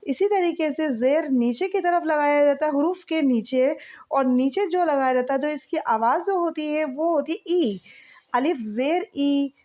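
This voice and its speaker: A woman's voice: high-pitched, moderate pace, darkish tone, dull audio. A woman teaching an online language lesson, patiently drilling letters and sounds one by one. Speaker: Urdu teacher.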